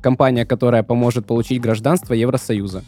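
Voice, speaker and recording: A man's voice: medium pitch, steady tone, quick pace, mellow, faint music behind. A twenty-one-year-old man co-hosting a casual studio podcast, earnest and thinking aloud. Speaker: podcast co-host.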